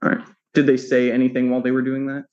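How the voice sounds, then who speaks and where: A man questioning a witness in court in a measured, methodical way. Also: mid-range voice, completely flat delivery, a little mellow, dull audio. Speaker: attorney.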